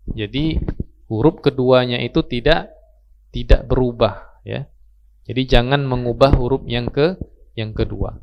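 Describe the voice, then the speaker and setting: Slow, patient male tajweed teacher. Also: medium pitch. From Indonesia. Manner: repeats example words slowly, stretching sounds to demonstrate. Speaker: Quran recitation teacher. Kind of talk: slow patient tajweed lesson with recited examples. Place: mosque study circle.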